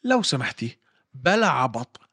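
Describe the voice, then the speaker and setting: A man, co-hosting a sports podcast in a joking, lively way. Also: mid-range voice, moderate pace, breathy edge. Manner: lively, joking, laughs often. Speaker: podcast co-host. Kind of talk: casual sports chat.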